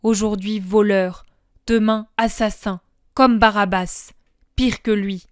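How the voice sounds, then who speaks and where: A woman's voice: steady tone, slow, no echo, clean studio sound, natural voice. Woman reading a stern, restrained master. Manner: low, terrible restrained tone. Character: stern grave man, master confronting a thief.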